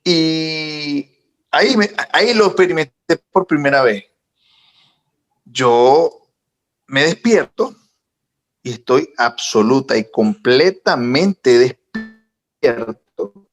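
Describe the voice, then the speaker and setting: Animated man telling a spooky story. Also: a little high, takes it slowly, long pauses. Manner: animated, recounting with rising intensity. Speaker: podcast co-host. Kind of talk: casual storytelling.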